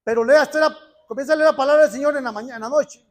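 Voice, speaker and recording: Man, lay preacher, church sermon, very high voice, fervent, repeats himself. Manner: fervent and repetitive, reads scripture slowly.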